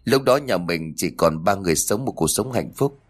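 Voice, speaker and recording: A man voicing a devoted grown son in a spoken story, speaking earnestly and pleadingly, a bit above his narrating pitch. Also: lively intonation, moderate pace, breathy edge.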